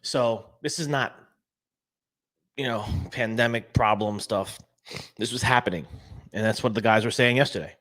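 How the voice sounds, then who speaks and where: A man hosting a casual live-stream talk show, animated and repeating himself as he restarts sentences. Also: mid-range voice, moderate pace, pauses often. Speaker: show host.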